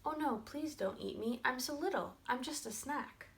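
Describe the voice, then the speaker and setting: A tiny, timid young billy goat, as a woman puts him on, squeaking high above her usual voice in a storybook telling. He pleads in a wee little voice not to be eaten. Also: moderate pace, gravelly, fairly bright tone. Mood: pleading.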